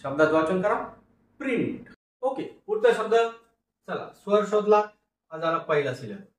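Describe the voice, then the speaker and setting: A man teaching phonics, slowly sounding out words syllable by syllable and repeating each word. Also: sits high, sing-song. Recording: echoey room, voice a bit far from mic.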